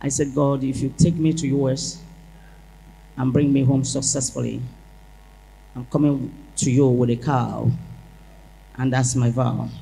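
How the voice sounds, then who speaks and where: A woman giving an animated church testimony, acting out the dialogue as she tells it. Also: a bass voice, measured pace, vocal fry, long pauses, a little hiss or hum. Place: large church hall. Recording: echoey church hall.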